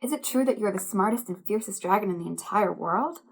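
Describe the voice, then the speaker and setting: A quick-witted young storybook princess, eagerly flattering and calling out loudly, as a woman reads her aloud. The voice has a husky, slightly gravelly grain. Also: medium pitch. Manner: eager, flattering, loud exclamations. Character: clever, bold young princess.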